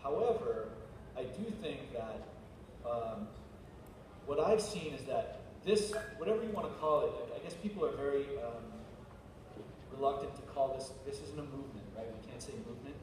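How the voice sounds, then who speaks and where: A man's voice: mid-range voice, lively intonation, moderate pace, a little mellow. A man speaking as a sommelier on a panel, thoughtful and rambling with many restarts. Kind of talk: panel discussion. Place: large glass-walled event hall. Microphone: far camera. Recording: echoey hall from far off, noisy.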